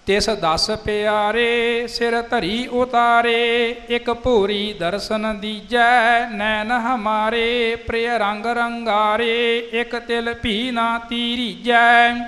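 A man recites scripture in a very slow, half-sung chant, his voice high and bright. The melody stays nearly flat and steady from line to line. A long reverb trails each phrase, with faint music underneath.

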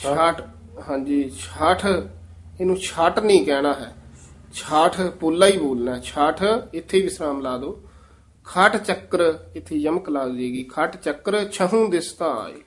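A man teaching scripture recitation, chanting verses slowly and then explaining pronunciation quickly and more quietly. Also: fairly high pitch. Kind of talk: slow recitation of scripture with spoken pronunciation corrections.

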